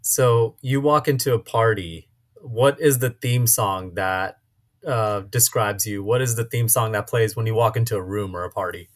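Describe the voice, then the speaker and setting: A man hosts a casual podcast interview in a low voice. He is upbeat and easygoing, firing off playful quick questions. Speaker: podcast host.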